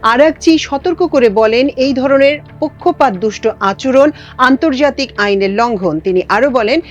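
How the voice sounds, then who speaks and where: A woman presenting international news, reading a script in a measured, formal way. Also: sits high, lively intonation, highs cut off. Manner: measured formal newsreader delivery.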